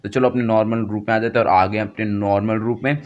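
A man's voice: lowish voice, little pitch movement, fast, highs cut off. Chatty man narrating a game tutorial. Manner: chatty, keeps saying "guys", thinks aloud while picking options. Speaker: gaming channel host. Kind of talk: casual gameplay tutorial voice-over. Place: home, voice-over recorded after gameplay.

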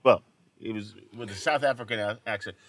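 A man hosting a podcast, retelling a news story in a rambling, animated way with many restarts. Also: fairly low pitch, brisk. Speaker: podcast host. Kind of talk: casual chat, storytelling.

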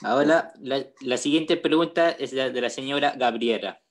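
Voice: mid-range voice, normal speed. Moderator reading questions aloud. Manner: plain, reads questions from a list. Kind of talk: reading questions in an online lecture.

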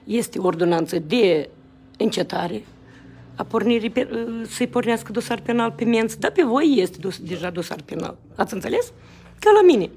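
A woman's voice: mid-range voice, lively intonation, a little mellow. A middle-aged woman filming on her phone, speaking outraged and repetitive to her viewers. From Moldova. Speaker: citizen activist filming. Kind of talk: indignant video address to viewers.

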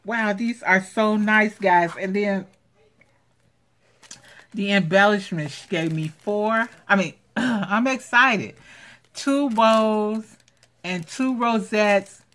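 A woman's voice: medium pitch, takes it slowly. A woman hosting a craft unboxing vlog at home, gushing and exclaiming over each item. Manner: gushing, excitable, repeats exclamations. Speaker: craft channel host. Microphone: handheld camera.

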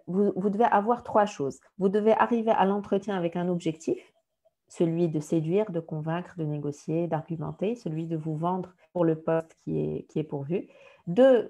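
A woman's voice: mid-range voice, dark tone. A woman with a Moroccan French accent teaching an online career workshop, counting off points one by one. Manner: didactic, enumerating points, acts out recruiter lines.

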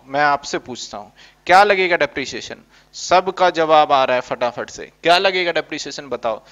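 A man's voice: a little high, fairly bright tone. A man teaching an accounting class in a playful way, acting out his students' questions. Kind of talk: classroom lecture. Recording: dull lo-fi recording.

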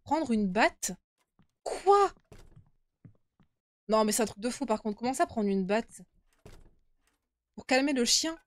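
A woman's voice: fairly high pitch, lively intonation, moderate pace, long pauses, no echo. A young woman streaming a horror game with casual live commentary, uneasy and easily scared, chatting to her viewers. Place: indoor room at home.

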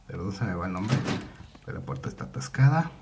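A man's voice: low-pitched, lively intonation, quick pace, vocal fry, noisy background. A young man with a Mexican Spanish accent giving nervous let's play commentary on a horror game, muttering to himself and repeating words when he gets scared. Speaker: gaming YouTuber.

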